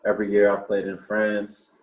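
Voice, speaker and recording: A man's voice: fairly low pitch, moderate pace, echoey room, low-quality recording. A man in his twenties, a professional basketball player who grew up in Australia, answering interview questions casually and often repeating words as he starts a thought. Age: 20s. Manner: relaxed, repeats words when starting sentences.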